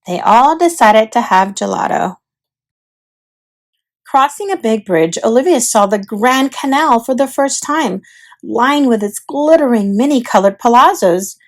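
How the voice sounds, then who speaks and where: A female storyteller reads children's books aloud in a high register, with lively melodic swings and a deliberate delivery.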